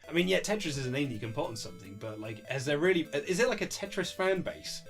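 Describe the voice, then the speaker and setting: Quick-paced with big swings in a fairly high pitch, a male author guesting on an interview tells anecdotes in a casual, animated way, acting out quotes and dropping mild swears. Music plays beneath the lo-fi, amateur-sounding recording.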